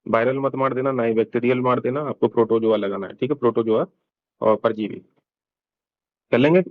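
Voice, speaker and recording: A man explains exam questions in a relaxed, conversational lecture, checking in with his students as he goes. His mid-pitched voice sits close to the mic in a dry space. The sound is a little muffled and lo-fi. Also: a little fast, dry recording. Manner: chatty, explains step by step, mixes English terms into Hindi. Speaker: exam coaching teacher. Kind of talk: casual exam-prep lecture.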